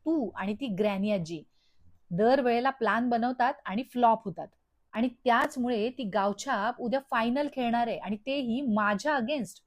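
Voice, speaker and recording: A woman's voice: a little high, normal speed, dry recording, natural voice. A woman voicing a spoiled, jealous young woman who snaps and threatens in anger. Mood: angry. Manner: snapping, threatening.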